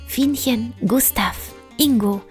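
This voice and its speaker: Cheerful bear chef guy, a woman doing him, slow and encouraging, soft music under. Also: a little high, voice pushed up. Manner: warm, encouraging teacher tone. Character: five-star bear chef, cheerful and proud.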